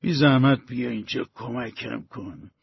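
A man voicing a bedridden, dying older man, bitter and weary, in a gravelly, husky voice. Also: mid-range voice, no room sound. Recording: dull lo-fi dry recording.

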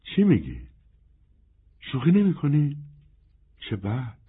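A man voicing a shy, cheerful young servant girl with a husky, raised voice. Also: medium pitch, wildly swooping pitch, pitched above the performer's own voice, exaggerated voice. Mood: eager, wistful. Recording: narrow phone-like band.

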